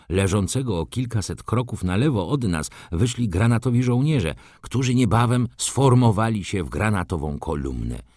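A man reading a story aloud in the first person, with expressive scripted narration. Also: low voice, dry recording, clean studio sound. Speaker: audiobook narrator.

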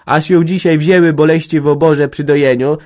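A man voicing a middle-aged organist's wife who scolds and shouts shrilly. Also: lowish voice, little pitch movement, moderate pace, natural voice. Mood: furious.

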